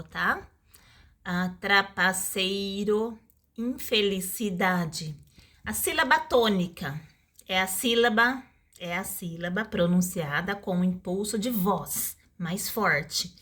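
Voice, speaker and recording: A woman's voice: medium pitch, lively intonation, measured pace, sharp tone. A woman teaching a lesson in a casual, explanatory way, stretching out example words and adding tag questions.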